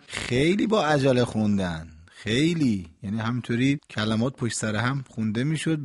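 A man hosting a religious radio program, explaining calmly and didactically how to recite the prayer clearly. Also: mid-range voice. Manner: calm, didactic, warm sign-offs. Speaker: radio host and religious expert.

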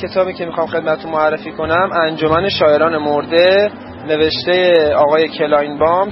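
A man reading a book passage aloud, measured and careful, recorded outdoors near traffic. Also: fairly high pitch. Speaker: listener reading a book excerpt. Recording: muffled, with traffic noise.

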